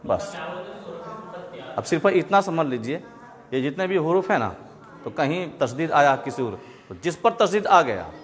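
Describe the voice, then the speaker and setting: A man's voice: on the high side, big pitch swings, measured pace, long pauses, big-room sound. A man teaching Quran reading, patiently explaining letters, checking understanding again and again, and drawing out letters in chanted recitation.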